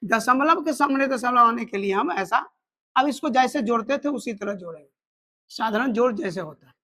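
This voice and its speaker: A woman with a fairly high voice teaches a math lesson. She works through each step slowly and counts the digits out loud as she goes. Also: expressive.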